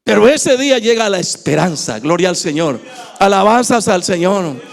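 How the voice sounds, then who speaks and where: A man with an Ecuadorian Spanish accent preaching a sermon in a church, swinging from shouting to hushed tones. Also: high voice, very animated, normal speed, gravelly. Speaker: pastor.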